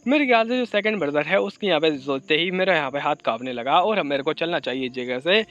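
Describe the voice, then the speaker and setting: A man narrating a comic story in a casual, quick scripted style, repeating filler words and lightly voicing the characters' lines. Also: fairly high pitch, lively intonation, fairly bright tone. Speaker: manhwa recap narrator. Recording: lo-fi muffled voice-over.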